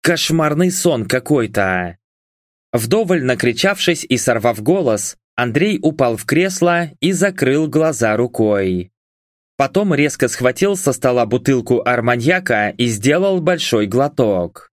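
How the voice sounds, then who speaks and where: A man narrating an audiobook in a measured, even manner. His voice sits at a mid pitch. The recording is dry and close to the mic. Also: dry recording. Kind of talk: scripted narration.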